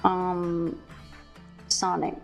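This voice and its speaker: A woman's voice: lowish voice, completely flat delivery, very slow, gravelly, soft background music. A young woman chatting in an easygoing way over a livestream headset mic while she draws. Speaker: fellow art streamer. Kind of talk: casual chat while drawing on a livestream.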